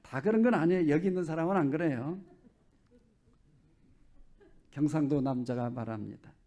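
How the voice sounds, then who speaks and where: A man's voice: fairly high pitch, moderate pace, mellow. A male pastor giving a Sunday sermon in a chatty, joking way, often asking the congregation rhetorical questions.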